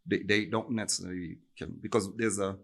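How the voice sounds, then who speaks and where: Deep-ish raspy guy talking quick on a podcast, keeps saying right? you know?. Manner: animated storytelling with many "right?" and "you know". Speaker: guest, software engineer. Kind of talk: casual conversation.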